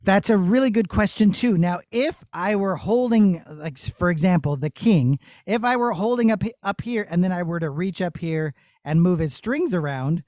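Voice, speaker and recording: For a children's demonstration and Q&A in a puppet theatre studio, the puppeteer explains his show one step at a time in easy words. His high voice has a darkish tone, and he speaks at a moderate pace with few pauses, without any room sound.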